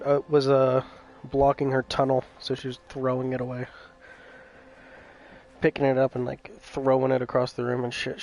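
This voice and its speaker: Man, game streamer, medium-pitched voice, casual live commentary, chatty, faint background music. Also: darkish tone.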